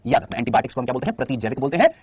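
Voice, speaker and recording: Animated, rapid-fire male teacher. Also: mid-range voice, slight background noise. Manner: chatty, teasing, addresses students as brother and child. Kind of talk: live online class lecture.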